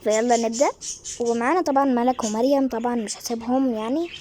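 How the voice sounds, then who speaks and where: An Egyptian woman in her thirties chatters through a mobile game with eager, gushing commentary. Her voice sits high and the words come quickly. A faint hiss of background noise runs under the home recording. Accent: Egyptian Arabic. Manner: excited, chatty, scolding kids aside. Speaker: gaming YouTuber. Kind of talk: casual gameplay commentary.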